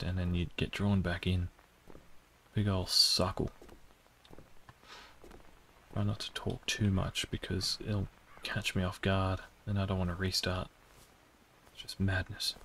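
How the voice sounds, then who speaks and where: A man's voice: sits low, bright, forceful tone, a little hiss or hum. A man giving whispered let's-play commentary on a horror game, muttering with dry understated remarks and frequent swearing. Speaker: gaming YouTuber.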